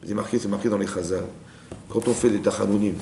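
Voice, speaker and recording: Fast-talking rabbi in a roomy hall. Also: male voice, on the low side, fairly even intonation, gravelly, warm tone. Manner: keeps asking the class if they understood; mixes Hebrew terms into his talk. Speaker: rabbi teaching a women's class. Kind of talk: spoken Torah lesson. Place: lecture room with listeners. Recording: roomy room with faint background noise.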